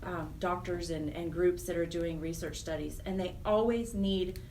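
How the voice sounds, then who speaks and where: Her voice is low-leaning, steady and darkish, moving at a normal pace. She's an American woman appearing as a radio interview guest, a nonprofit chapter's program director, explaining earnestly and with emphasis. Faint noise comes through a distant microphone.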